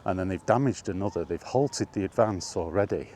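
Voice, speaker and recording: Strolling outside, a male vlogger delivers a rambling walking monologue in a low, dark-toned voice at a fairly quick pace. He keeps correcting himself and grows exasperated, with a little hiss or hum in the audio.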